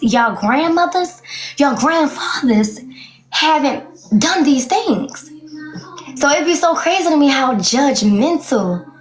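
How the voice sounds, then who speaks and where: A woman in her late twenties speaking bluntly and candidly in a casual interview, laughing often. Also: on the high side. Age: 20s. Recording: roomy echo.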